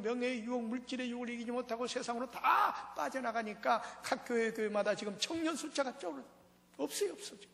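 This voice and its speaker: A man preaching a revival sermon, talking fast and firing rhetorical questions at the congregation. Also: very high-pitched. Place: large church hall. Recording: long reverb of a large church hall.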